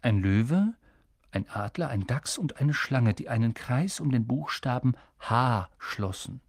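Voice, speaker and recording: Casting: expressive audiobook narrator, wide-ranging delivery, dry close recording. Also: medium pitch, a little slow, no echo. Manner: lively, expressive. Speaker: audiobook reader. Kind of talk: scripted narration.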